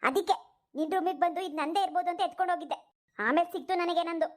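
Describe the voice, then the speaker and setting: A woman's voice: extremely high pitch, racing. A woman voicing a proud, defensive elder daughter-in-law in a cartoon. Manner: defensive, retorting. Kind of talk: cartoon voice acting.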